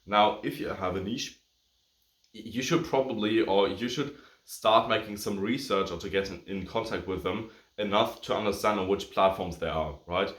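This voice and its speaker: A man's voice: on the low side, normal speed, a bit bright, reverberant. A man whose first language is German, giving casual advice to agency owners, a bit out of breath, rambling with lots of fillers and self-corrections. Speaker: agency coach. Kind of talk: casual talking-head advice video.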